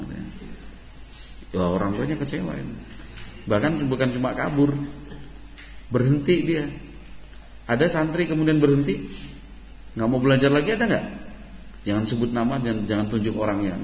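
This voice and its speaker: A man's voice: a little high, gravelly, slight background noise. A male religious teacher at a boarding school, questioning his students in a playful, teasing classroom lesson. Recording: roomy hall echo, dull lo-fi sound.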